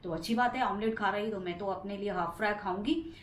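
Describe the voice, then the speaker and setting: A woman's voice: medium pitch, a little fast, roomy sound, slight background noise. A middle-aged woman from India chatting her way through a casual home vlog, rambling about her daily chores. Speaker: vlogger. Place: home interior.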